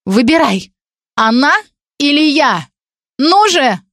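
A jealous young student girl, hysterical and shrill, her voice jumping high as she hurls accusations, as a woman reads her part. The sound is close and dry, with no room around it. She sounds on the edge of tears and screaming. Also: expressive, moderate pace, no room sound. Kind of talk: audiobook character reading.

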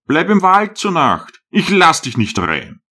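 Audiobook: male reader as a rough monk doorkeeper, gruff and scolding. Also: fairly high pitch, huge pitch swings, a little slow, sharp tone, pitched above the performer's own voice, exaggerated voice. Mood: grumpy. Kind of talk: audiobook reading.

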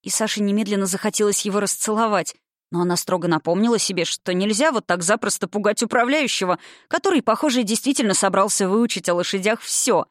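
A woman narrating a novel in an even, expressive audiobook reading. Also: mid-range voice, quick pace, no echo, clean studio sound.

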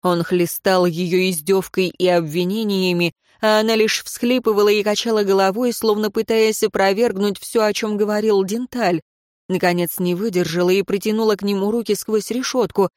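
A woman narrating a fantasy novel in a measured, even reading. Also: mid-range voice, no room sound, studio quality. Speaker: audiobook reader. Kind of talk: scripted narration.

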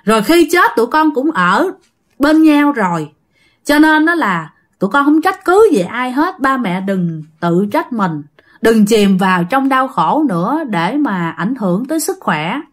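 A woman's voice: a little high, big pitch swings, measured pace. A woman voicing the ghost of a young man who speaks through a possessed woman, tearful and pleading.

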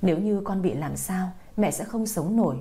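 Tearful, pleading young mother in a storybook audio, low mellow voice, read by a woman narrator. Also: lively intonation, moderate pace. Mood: distraught. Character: young mother frantic over her missing son.

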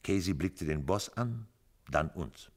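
A man giving an expressive, measured literary reading of a story for radio. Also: sits low. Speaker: reader. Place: radio studio.

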